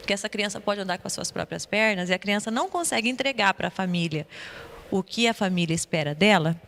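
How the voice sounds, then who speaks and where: A Brazilian woman, an educator co-hosting a church podcast, telling a story in a lively way and acting out what people said. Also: medium pitch, fast, long reverb tail. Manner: animated storyteller who acts out quotes. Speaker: school educator and podcast co-host. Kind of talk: casual podcast conversation.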